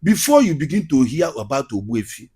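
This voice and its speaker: A comedian and skit maker with a Nigerian Igbo accent tells his story as an interview guest, repeating phrases for emphasis. His medium-pitched voice is mellow and husky, with a sing-song lilt and a fairly quick pace.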